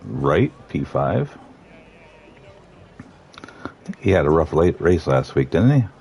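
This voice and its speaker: A man commentating live on a sim race, reading out the starting grid in a relaxed, joking way. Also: very deep voice, slow, vocal fry, a little hiss or hum.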